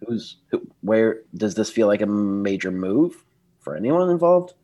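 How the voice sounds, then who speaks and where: A man co-hosting a casual podcast with a sick voice, speaking in a measured, unexcited way with some hesitation. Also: on the low side, sing-song, warm tone, lo-fi sound. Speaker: podcast co-host. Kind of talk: casual sports podcast chat.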